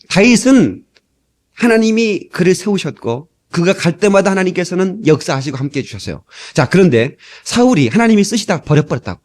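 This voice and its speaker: A middle-aged man preaching a storytelling sermon, acting out the people he quotes, from an old cassette tape. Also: on the high side. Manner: animated, acts out quoted people. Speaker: pastor.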